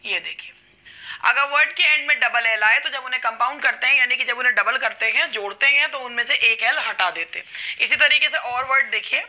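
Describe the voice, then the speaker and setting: A woman teaching an English spelling lesson, explaining slowly and drawing out her example words. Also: fairly high pitch, bright, forceful tone. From India. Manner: slow, drawn-out explanations with stretched example words. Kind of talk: classroom lesson.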